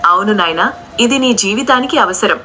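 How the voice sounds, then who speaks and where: Woman as a stern older mother-in-law: commanding, harsh, bright. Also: mid-range voice, lively intonation, moderate pace, a little hiss or hum. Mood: brisk.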